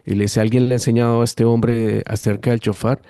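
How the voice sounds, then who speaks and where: Colombian pastor telling a lively story. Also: male voice, mid-range voice, fairly quick, smooth, no room sound, clean studio sound. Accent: Colombian, Bogotá. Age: 50s. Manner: lively animated storytelling, acting out quoted voices. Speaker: guest pastor. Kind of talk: storytelling testimony.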